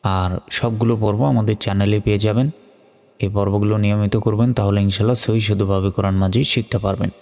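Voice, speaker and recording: A man teaching Quran reading, spelling out each word slowly and evenly, then reciting it in long drawn-out tones. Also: lowish voice, vocal fry, in a large hall. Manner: slow, even spelling drills, with drawn-out recitation.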